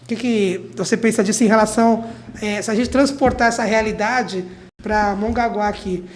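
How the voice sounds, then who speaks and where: A woman's voice: mid-range voice, steady tone, normal speed, a little mellow, slight background noise. A woman interviewing a guest on a radio show, conversational, often ending her phrases with a questioning tag.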